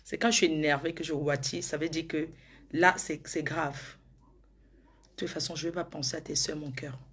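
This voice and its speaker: A woman doing a comedic sketch monologue to an unseen lover, playful and theatrical, shifting between sweet coaxing and loud outbursts. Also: deep voice, steady tone, normal speed, slightly rough. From Africa.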